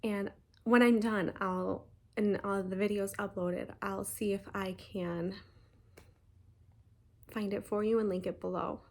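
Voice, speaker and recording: A woman, chatting casually in a stitching vlog, talking fast and rambling with many ums and restarts. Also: medium pitch, fairly even intonation, darkish tone. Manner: talks fast. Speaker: flosstube host.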